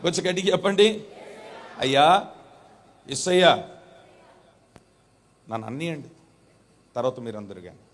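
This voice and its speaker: A man preaching in a church hall, chanting repeated phrases that build in force and pressing the congregation to repeat and answer him louder. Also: on the high side, expressive, moderate pace, long pauses. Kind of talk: revival sermon with call-and-response.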